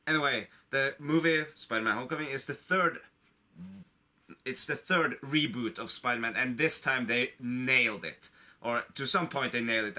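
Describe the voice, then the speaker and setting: A man's medium-pitched voice carries a sharp tone. He is a video creator online, getting over a cold, who rambles through an unscripted, casual movie review to camera, repeating himself with a fan's enthusiasm.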